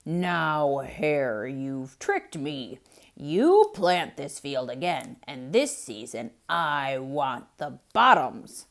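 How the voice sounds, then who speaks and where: A lazy, sleepy male bear, put on by a woman reading a storybook aloud, drawling his words out slowly and loudly. He sounds half awake. He is slow and unhurried, with a pitch that swings about. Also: big pitch swings, gravelly, exaggerated voice. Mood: aggrieved.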